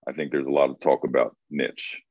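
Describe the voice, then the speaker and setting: A man's voice: a bass voice, little pitch movement, a little fast, a little mellow, no echo. A man, co-hosting a casual advice talk for writers, thoughtful and prone to restarting his sentences. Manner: thoughtful, restarts and repeats words. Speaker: co-host, coach for writers. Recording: dry, dull lo-fi sound.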